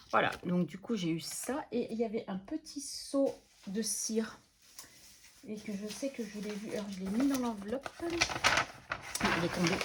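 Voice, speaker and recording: A woman's voice: mid-range voice, slight background noise. A middle-aged woman chatting casually to camera about budgeting, enthusiastic and laughing often. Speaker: budgeting channel host.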